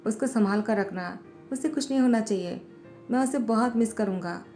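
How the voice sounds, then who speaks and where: Brief: a woman reading as a timid, meek young man, higher and mellow, storybook reading. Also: moderate pace, faint music behind, natural voice. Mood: sad. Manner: meek, pleading. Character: timid, gentle young man, easily hurt.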